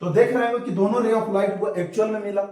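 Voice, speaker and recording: A man's voice: sits high, a little fast, darkish tone. A male physics teacher giving a classroom lesson, mixing Hindi and English terms, asking questions and answering them himself while repeating key words. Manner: mixes Hindi with English terms, calls students by pet names. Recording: echoey room, far from the mic.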